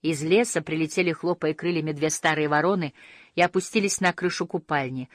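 A woman narrating a storybook in a gentle, measured reading that slows at quiet moments. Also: low voice, no room sound, clean studio sound.

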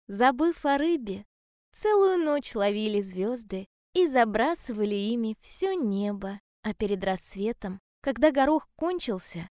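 A woman telling a children's story in a calm, gentle and measured way. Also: on the high side, clean tone, no room sound, studio quality.

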